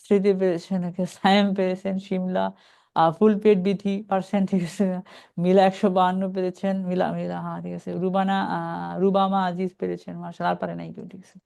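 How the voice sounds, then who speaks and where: A man teaching a live online reading class. He talks chattily, calls out students' names and reads English phrases slowly, bit by bit. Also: high-pitched, completely flat delivery, vocal fry, darkish tone, clean tone.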